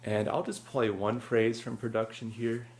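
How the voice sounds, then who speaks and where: A man's voice: mid-range voice, level tone, moderate pace. A man giving casual, understated and matter-of-fact commentary as he shows and compares collectible props. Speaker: prop collector presenting his animatronics.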